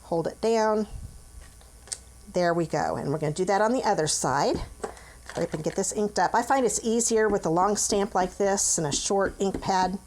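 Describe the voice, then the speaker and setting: A middle-aged American woman hosts a friendly, step-by-step craft tutorial from her home office, chatty and upbeat as she talks while working with her hands. She's the channel host and craft demonstrator, speaking at medium pitch and a moderate pace with a darkish tone. There's a little hiss or hum.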